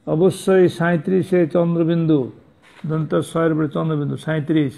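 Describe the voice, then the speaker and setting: A man teaches young pupils a math lesson, patiently repeating himself and stopping to correct how numbers are pronounced and spelled. His voice is on the high side, steady, creaky and mellow, a little fast, with a tinny, phone-like recording.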